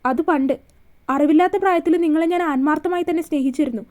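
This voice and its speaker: A woman's voice: high voice, fast talker, a little mellow, lightly acted. A woman voicing a frightened but defiant young woman held captive, speaking in anger through pain. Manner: defiant, pained.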